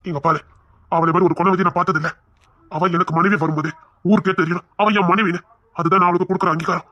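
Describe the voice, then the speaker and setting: A man's voice: high-pitched, fairly even intonation, quick pace, bright, forceful tone, no echo, highs cut off. A man voicing a proud, devoted elder brother and husband who soothes and reassures. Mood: firm. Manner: soothing, affectionate, firm. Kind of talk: audio drama acting.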